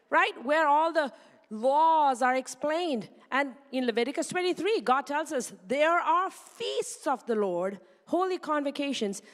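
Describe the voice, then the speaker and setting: High-voiced woman preaching with animation. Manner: animated, fires rhetorical questions and answers them. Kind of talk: sermon. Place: church sanctuary. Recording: reverberant church hall sound.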